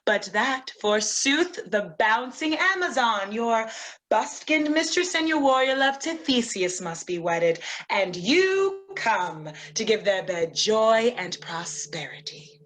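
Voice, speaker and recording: A woman's voice: on the high side, animated, measured pace, a bit bright. A woman playing a proud, defiant fairy queen in a hammy, declamatory Shakespearean stage style. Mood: scornful, mocking. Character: proud, defiant fairy queen, scornful of her jealous husband.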